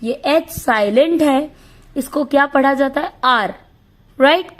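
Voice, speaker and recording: A woman teaching an English grammar lesson. She asks questions and answers them herself, and reads English rules slowly, word by word. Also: high voice.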